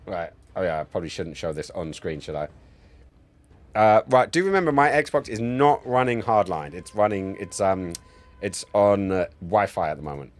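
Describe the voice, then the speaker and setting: In his forties, this man has a low voice with lively intonation and a moderate pace. He chats casually while playing a game on a live stream, swearing a lot, joking and rambling. He's at a home streaming setup indoors, speaking close to a boom-arm mic.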